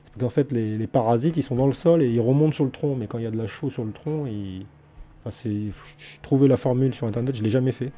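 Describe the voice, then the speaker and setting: A man's voice: medium pitch, fast, dark tone. A man in a casual garden vlog, talking colloquially with many hesitations and restarts, and blunt, enthusiastic opinions. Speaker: vlogger talking about his garden.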